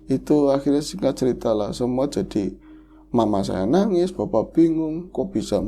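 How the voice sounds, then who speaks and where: A man's voice: medium pitch, expressive, normal speed, dark tone, slight background noise. A man hosting a horror podcast, emotionally retelling a listener's tragic story in the first person.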